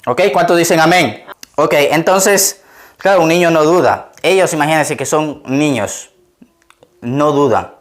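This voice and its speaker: A man's voice: fairly high pitch, unhurried. A man preaching a sermon as pastor in a chatty, conversational way, asking the congregation questions and laughing as he tells stories. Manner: laughs often while telling stories.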